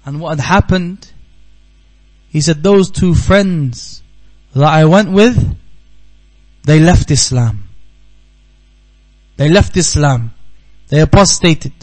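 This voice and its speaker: A man's voice: on the high side, slow pace, pauses often, a little mellow, rough recording. A man from the United Kingdom giving a religious talk at a seminar, telling a story earnestly and repeating key phrases for emphasis. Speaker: Islamic teacher. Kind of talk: Q&A talk after a religious lesson. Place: seminar hall.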